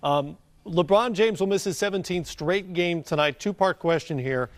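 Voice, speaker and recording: A man anchoring a sports news segment in a measured, newsy way, asking long questions. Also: high-pitched, no room sound. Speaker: studio anchor.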